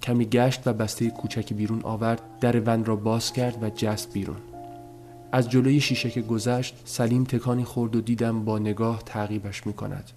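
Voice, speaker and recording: A man narrating a story as an audiobook, in a measured, subdued telling. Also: mid-range voice, flat delivery, darkish tone, soft background music.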